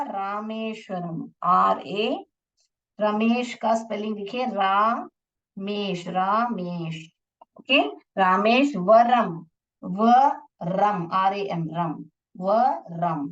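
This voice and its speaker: A woman teacher with a somewhat high voice talks slowly and deliberately, spelling out words letter by letter and asking her pupils questions. She mixes Hindi and English as she teaches. She sounds far from the mic, with a muffled, dull recording. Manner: repeats and spells words, asks the class questions. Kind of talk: classroom lesson explaining an English text.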